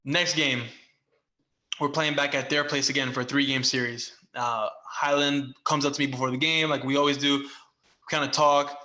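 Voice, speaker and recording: A young man co-hosting a podcast, telling a baseball story in casual chat and loudly acting out the quotes. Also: medium pitch, normal speed. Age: young adult. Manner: animated, acts out quotes loudly. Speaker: podcast co-host, former baseball player. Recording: echoey room.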